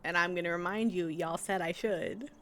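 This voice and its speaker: A woman's voice: lowish voice, moderate pace, a bit bright, slight background noise. Chatty woman streamer greeting her viewers. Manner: chatty, greets viewers, talks while eating. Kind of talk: casual chat with live viewers.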